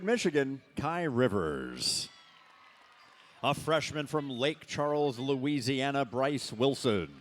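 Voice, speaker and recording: Slow, booming male stadium announcer. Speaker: arena PA announcer. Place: large indoor sports arena.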